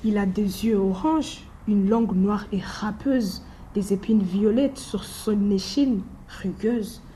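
A bold little mouse, as a woman voices her, quick-witted and lively, her voice rising high. The tone is mellow and soft-edged, with a faint hiss of background noise. It sounds like a storybook reading. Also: lightly acted. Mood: confident. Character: small, clever, bold female mouse.

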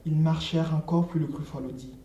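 Calm storybook narrator, dark tone. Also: medium pitch, a little fast, dull audio. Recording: roomy, distant, faint noise.

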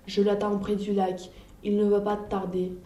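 A woman's voice: mid-range voice, completely flat delivery, moderate pace, dark tone, lightly acted. Woman playing a cunning little mouse. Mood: sly. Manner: cunning, confident, teasing. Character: small clever bold mouse. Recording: roomy, distant, faint noise.

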